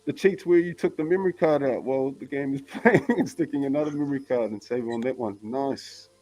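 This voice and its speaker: A man's voice: medium pitch, brisk, darkish tone, poor audio. A man in a casual livestream chat, chuckling and chiming in with short remarks.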